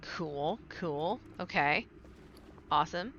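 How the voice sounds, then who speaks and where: A woman's voice: low voice, lively intonation, slow pace, a bit bright, highs cut off. A woman streaming a game and chatting casually, rambling and laughing often. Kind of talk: casual gaming stream chat.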